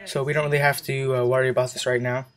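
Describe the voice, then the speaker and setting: A young man narrating a video game in a loose, chatty way, a little out of breath and tired. He corrects himself often and fills gaps with "uh" and "um". His voice sits at a middle pitch, with soft music underneath. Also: level tone, fast talker. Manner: rambling, self-correcting, with many fillers. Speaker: gameplay commentator. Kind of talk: casual gameplay commentary.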